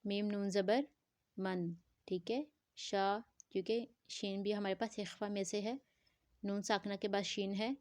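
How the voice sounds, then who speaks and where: A woman's voice: medium pitch, level tone, long pauses, darkish tone, no echo, clean studio sound. A woman teaching Quran recitation, spelling words letter by letter and drawing out the nasal sounds. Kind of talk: slow spelling-out tajweed lesson.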